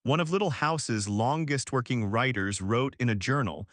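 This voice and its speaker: A man reading a scripted documentary narration in a measured, dramatic storytelling manner. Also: medium pitch, a bit bright, no echo, clean studio sound.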